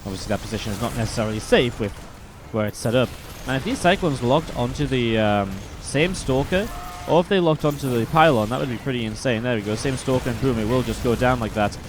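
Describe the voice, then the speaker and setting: An esports caster gives quick, play-by-play commentary on a strategy video game match, sounding a little sniffly from a cold. His mid-range voice stays steady, then grows more excited during the fights, over a noisy background.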